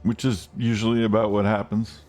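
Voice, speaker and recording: Rambling low-voiced male game streamer. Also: brisk, faint music behind. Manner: rambling, loose, profane, with excited outbursts. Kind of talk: casual live-stream chat.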